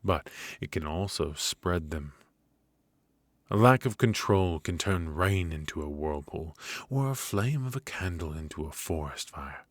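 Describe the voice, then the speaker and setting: Speaking into a close mic, a man plays a strict, cold royal professor of magic in ASMR roleplay, delivering a measured, stern lecture. His voice is deep with lively intonation, and there's no echo.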